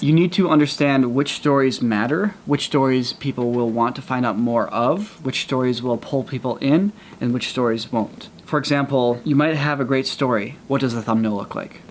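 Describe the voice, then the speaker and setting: A man's voice: medium pitch, normal speed, a little hiss or hum. A man hosting a video, explaining in a straightforward, earnest way what a job requires. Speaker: host explaining a job opening. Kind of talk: casual explanatory talk.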